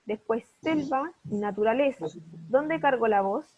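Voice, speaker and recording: A woman teaching a class over a video call, patiently asking her pupils questions to check they follow. Her voice is somewhat high and a little husky. The sound is dull and lo-fi. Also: lively intonation, normal speed, darkish tone. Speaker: primary school teacher. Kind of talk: online class lesson.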